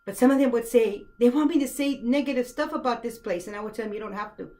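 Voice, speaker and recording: An impassioned woman speaks to camera in a fairly high voice, earnest and pleading. She turns to her listeners with direct questions and lets her emotion show as she speaks. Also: fast, darkish tone, rough recording. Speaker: author and former detention center worker.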